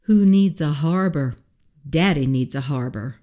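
A man's voice: fairly high pitch, unhurried, close to an everyday voice. A woman doing a drawling, blustering oil boss. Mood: cooing. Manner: drawling, yelling.

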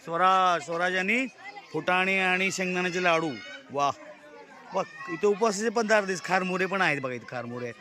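A man's voice: sits high, moderate pace. A man with a Marathi accent doing a cheerful walkaround vlog, exclaiming and asking children their names at an outdoor school fair. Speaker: reporter touring a school market. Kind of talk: casual walkaround vlog commentary. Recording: busy crowd and loud outdoor noise.

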